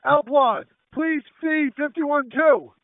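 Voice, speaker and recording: A man's voice: very high voice, takes it slowly. A man working as fire incident commander, giving urgent, clipped orders in firefighter radio traffic. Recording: tinny two-way radio transmission.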